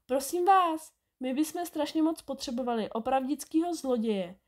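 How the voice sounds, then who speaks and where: A woman's voice: high voice, animated, a little mellow, pitched above the performer's own voice. A woman reading a storybook aloud and voicing an earnest, well-meaning schoolboy. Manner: earnest and pleading.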